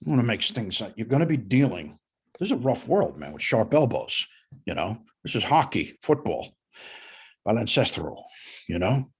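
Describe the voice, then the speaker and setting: A middle-aged man with a husky voice, coaching a student one-on-one on sales calls in a folksy, animated way. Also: fairly low pitch, normal speed. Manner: animated, folksy, uses analogies.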